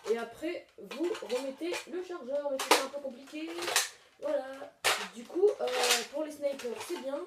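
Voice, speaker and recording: Casual home-video host, woman, high voice, halting and rambling, noisy room. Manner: rambling, many hesitations and fillers. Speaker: video host reviewing toy blaster magazines. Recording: echoey room, mic far off, noisy.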